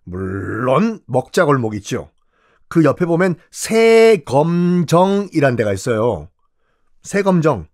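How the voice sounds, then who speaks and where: A man lectures on history with comic flair and keeps throwing rhetorical questions at the listener. His voice sits fairly high and swings widely in pitch. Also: big pitch swings, takes it slowly, darkish tone. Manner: playful, theatrical, asks rhetorical questions.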